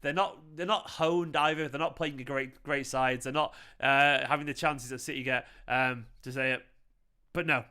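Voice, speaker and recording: A football fan channel host from Manchester, England, runs a live post-match reaction stream, reading the chat in an excitable, sweary and chatty way with viewers. His mid-range voice is bright and clear, at a moderate pace.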